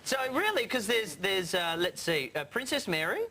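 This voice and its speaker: A man's voice: sits high, big pitch swings, moderate pace, very noisy. An Australian man hosting a talk show, joking and teasing his guest in a playful way. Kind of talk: casual talk show chat.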